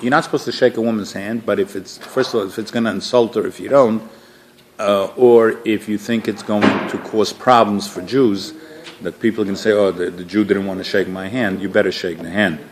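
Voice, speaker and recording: A man teaching a relaxed religious class, telling stories in a conversational way with frequent restarts and fillers. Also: on the low side, a little fast, background noise. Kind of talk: informal religious class talk.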